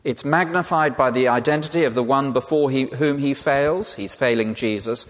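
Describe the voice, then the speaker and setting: A man's voice: mid-range voice, moderate pace. A man preaching a sermon, emphatic and full of rhetorical repetition. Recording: long hall reverb.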